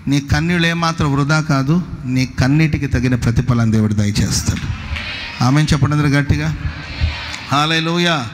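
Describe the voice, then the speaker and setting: A man's voice: a little high, normal speed, long pauses, background noise. A man in his forties, a Kannada native speaker, preaching a sermon as pastor, repeating phrases as he tells stories and calling the congregation to respond aloud. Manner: storytelling with many repeated phrases. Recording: long hall reverb, faint background ambience.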